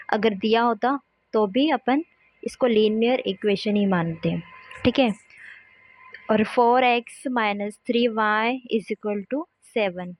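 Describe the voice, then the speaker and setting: A woman maths teacher talks through an example at a patient, steady pace. Her voice sits a little high. The recording is dull and lo-fi. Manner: patient, repeats "ठीक है" to check along. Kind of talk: explaining a lesson at a board. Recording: dull lo-fi sound.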